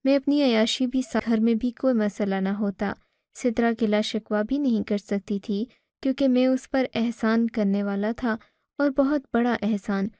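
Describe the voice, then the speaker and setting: A woman storyteller reading a first-person moral story in a steady, even way. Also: a little high, dry recording, studio quality. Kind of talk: scripted first-person narration.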